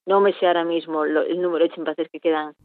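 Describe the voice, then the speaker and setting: A woman's voice: sits low, fairly even intonation, fast talker, no echo. Woman on a tinny phone line. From Spain. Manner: reflective, searching for words. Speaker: veterinarian at a chimpanzee sanctuary. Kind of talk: interview answers.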